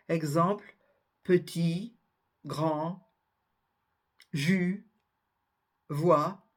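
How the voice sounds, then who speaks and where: A woman giving a spelling and pronunciation lesson, slowly spelling out letters and examples one by one. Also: mid-range voice. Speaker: French teacher.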